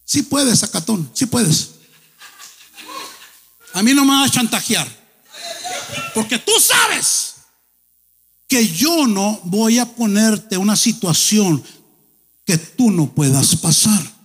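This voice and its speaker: Brief: God as a stern, fatherly male, brusque and firm, dropped lower than the preacher's own high voice, long hall reverb. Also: big pitch swings, slow pace, long pauses, a bit bright, husky, heavily acted.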